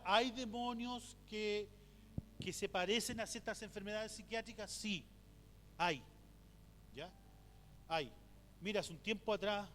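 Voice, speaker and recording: In a church hall that reverberates with a faint hum, a middle-aged Chilean man gives a conference teaching as a pastor. His voice is high with a fairly bright tone. He narrates stories, asks rhetorical questions, and acts out quoted speech.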